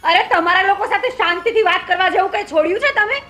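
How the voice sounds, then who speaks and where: A woman's voice: very high-pitched, fast talker, faint music behind. An actress playing an angry younger sister who accuses her elder sister of lying, in a family film drama. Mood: accusing. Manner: accusing, sharp.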